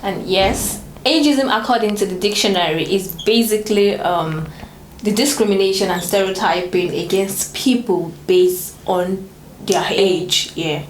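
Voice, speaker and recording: Casting: young woman co-host, animated, echoey room. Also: measured pace, a little hiss or hum. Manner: animated, rises in pitch when making a point. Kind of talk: casual panel chat.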